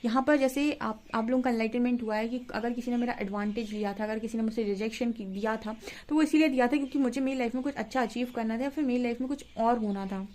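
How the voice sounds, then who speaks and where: Chatty young woman reading tarot, higher voice. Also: quick pace, darkish tone. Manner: chatty, repeats "ठीक है" and "देखिए", mixes English words into Hindi. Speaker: tarot reader. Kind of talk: casual spiritual tarot reading to camera.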